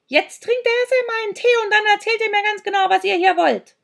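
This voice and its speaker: A woman's voice: expressive, moderate pace, gravelly, exaggerated voice. A woman voicing a rude, hard-of-hearing old female swamp hag who shrieks and snaps at children. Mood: shrieking. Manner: shrill, shrieking and snapping.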